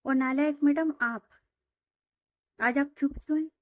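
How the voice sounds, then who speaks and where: A woman's voice: high voice, steady tone, a little slow, no room sound, studio quality, pitched above the performer's own voice. A woman voicing a proud, teasing middle-aged businessman father who scolds in a playful, mock-stern way.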